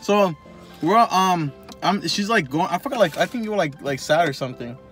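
A man's voice: high-pitched, animated, normal speed, fairly bright tone, soft background music. A young man chatting casually on a couples vlog, telling a story in a rambling way with lots of fillers. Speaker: vlogger. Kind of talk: casual chat.

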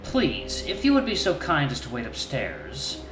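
A man playing a calm, polite hyena interrogator. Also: mid-range voice, voice pushed up. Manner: polite, measured, precise. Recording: echoey room with faint music.

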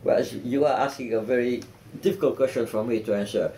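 An older man from South Vietnam with a Vietnamese accent, giving measured, earnest answers in an oral history interview, seated in an office. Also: medium pitch, mellow, a little hiss or hum, rough recording. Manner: measured, earnest, with frequent restarts and "you know". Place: office with bookshelf and plant. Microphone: seated, framed mid-shot by a camera.

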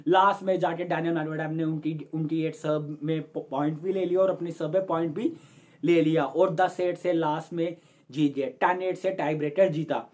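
Recording in a room at home, a young sports-channel host chats casually about a match straight to camera and greets his viewers as friends, hands moving as he explains. His voice is fairly high and a little mellow, steady in tone and at normal speed.

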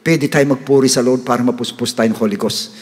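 A man preaching a sermon as pastor, mixing Tagalog and English and rising to loud, emphatic peaks when reading scripture. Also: medium pitch, steady tone, fairly quick. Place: church hall. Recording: long hall reverb.

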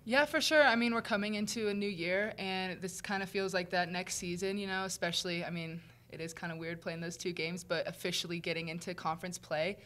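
A woman's voice: lowish voice, steady tone, fairly quick, few pauses, fairly bright tone. A young adult woman, a college basketball player, answering reporters after a game in an earnest, straightforward way. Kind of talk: post-game press conference answers. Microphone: table mic in front.

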